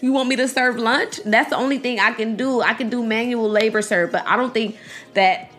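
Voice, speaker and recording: A woman's voice: a little high, steady tone, brisk, a bit bright, soft background music, natural voice. A woman voicing a frightened sixteen-year-old boy in jail, stammering and pleading to be left alone. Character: scared sixteen-year-old boy jailed among adults.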